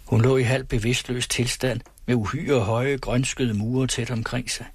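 A man narrating a novel as an audiobook in a measured, steady way. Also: medium pitch, slightly rough, dry recording. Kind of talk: audiobook reading.

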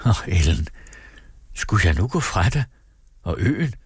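A man's voice: low-pitched, sing-song, slightly rough, dry recording, clean studio sound, heavily acted. A man reading aloud, voicing a brooding, troubled middle-aged man who speaks earnestly and unsurely.

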